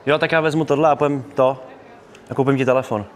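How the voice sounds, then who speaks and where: A man's voice: mid-range voice, fairly even intonation. A young man with a Czech accent streaming live in a shopping mall, joking around with fans in slangy, upbeat casual talk. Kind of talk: casual IRL livestream chat with fans. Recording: crowd and noise of a busy mall.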